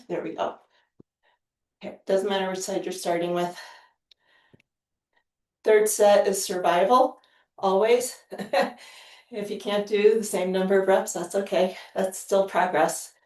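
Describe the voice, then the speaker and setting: A woman's voice: mid-range voice, darkish tone, far from the mic. A woman leading a strength workout, counting reps aloud and reassuring people to go at their own pace, often sighing between sets. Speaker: fitness instructor. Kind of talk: live workout coaching. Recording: roomy sound from away from the mic.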